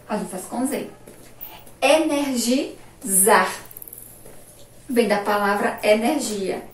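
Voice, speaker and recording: A woman's voice: medium pitch, darkish tone. A woman teacher from Sergipe in Brazil giving a remote lesson to primary pupils, drawing out words, asking questions and praising the answers. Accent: Brazilian Portuguese, Sergipe. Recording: echoey room, voice from far off, faint noise.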